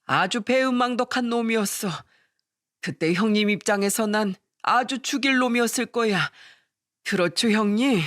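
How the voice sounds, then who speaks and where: A woman's voice: a little high, moderate pace, fairly bright tone, no room sound, studio quality, lightly acted. A woman voicing a remorseful old man. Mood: reminiscing. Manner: pleading, emotional, apologetic. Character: remorseful older man, emotional, tearful.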